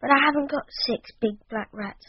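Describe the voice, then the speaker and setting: A woman voicing an eight-year-old boy who stammers when frightened and grows excitable as he schemes, in a dramatized storybook. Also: on the high side, fairly quick, slightly rough, no room sound, highs cut off. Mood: excited scheming. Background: music underneath.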